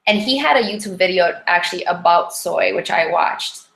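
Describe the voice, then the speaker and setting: A woman with a Polish accent chatting casually and informally, in an animated, rambling way, as an interview guest. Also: on the low side, normal speed, vocal fry, slight background noise. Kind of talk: casual chat about diet. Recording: echoey, roomy sound.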